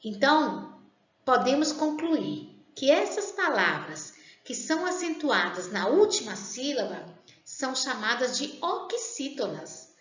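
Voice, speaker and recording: A woman teaching a grammar lesson, speaking slowly and deliberately and drawing out example words. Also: high voice, big pitch swings, fairly bright tone. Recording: roomy, dull lo-fi sound.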